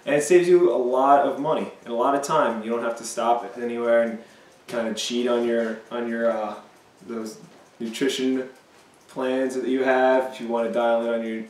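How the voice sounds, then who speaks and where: A young personal trainer cooks in his home kitchen and chats casually for a video, upbeat and hyping things up while saying "you know" often. His medium-pitched, slightly mellow voice has fairly even intonation and a moderate pace, picked up by a distant mic with roomy echo and faint noise.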